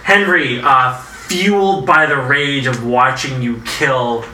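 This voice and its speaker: A man's voice: medium pitch, slow, bright, forceful tone, far from the mic. Male game master in an echoey room. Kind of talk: casual tabletop game narration. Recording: noisy echoey room, off mic.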